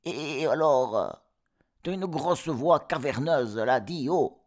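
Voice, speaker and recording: A squeaky, high bunch of cheeky young goat kids from a spoken storybook, sassing back with plenty of attitude. The voice jumps high above his own and takes on a thin, strained, unfamiliar tone. The delivery is loud and mocking. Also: little pitch movement, slow. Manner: mocking, scolding, slangy back-talk.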